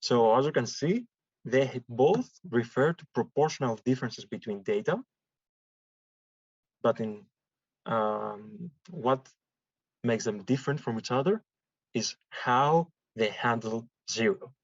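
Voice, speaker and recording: A man's voice: medium pitch, no room sound. Man, university lecturer, patient classroom explanation, dry muffled recording. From Greece. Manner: explains slowly with examples and repetition. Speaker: statistics lecturer.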